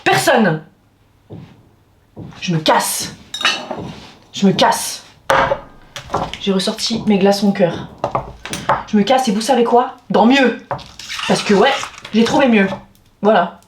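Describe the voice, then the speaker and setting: Slow and medium-pitched with long pauses, a woman vlogger vents to her viewers, casually exasperated, swearing and bursting out theatrically. The background is noisy, an echoey room with faint music.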